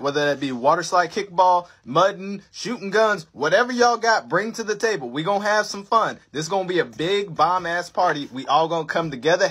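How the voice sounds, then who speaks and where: A man with a somewhat husky voice, a little higher than usual, pitches his idea to the camera in a chatty, persuasive way. He keeps the pace quick. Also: fairly bright tone.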